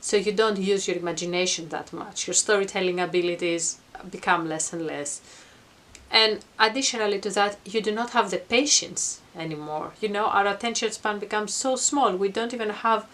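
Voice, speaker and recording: A middle-aged woman speaks at a medium pitch in an informal vlog style. She explains things earnestly and reflectively, as if thinking aloud to her viewers. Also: normal speed, fairly bright tone. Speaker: vlogger. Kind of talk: informal explanatory talk to camera. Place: attic at home.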